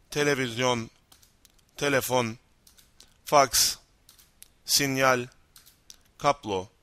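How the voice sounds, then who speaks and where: A man with a Turkish accent, a native Turkish speaker teaching vocabulary, reading out word lists one by one and explaining them slowly. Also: mid-range voice, bright, forceful tone, no room sound. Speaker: language teacher.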